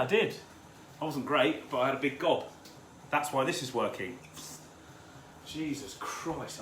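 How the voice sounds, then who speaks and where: A man hosting a live cook-along from his home kitchen, chatting loosely with viewers and swearing freely. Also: mid-range voice. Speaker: home cooking host. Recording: roomy kitchen with background noise.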